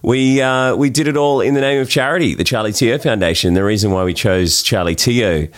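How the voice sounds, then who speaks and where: A man's voice: medium pitch, fairly quick. An Australian man chatting as a podcast guest, telling things in an informal, matey way. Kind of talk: casual conversational storytelling.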